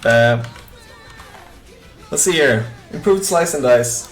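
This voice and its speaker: A man's voice: mid-range voice, animated, slow, faint music behind. A young man from Sweden with a Swedish accent, chatting casually on a game live stream, reading chat aloud with lots of fillers. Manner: rambling, reads chat aloud, many fillers.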